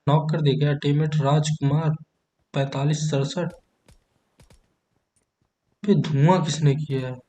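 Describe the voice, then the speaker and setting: A young man hosts a gaming stream, telling his match as a joking story and trading crude banter with teammates. His voice sits a little high but has a soft, mellow tone, picked up on a headset mic while he plays. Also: fairly even intonation, unhurried, pauses often, slight background noise. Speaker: gaming YouTuber. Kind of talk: comedic gameplay commentary.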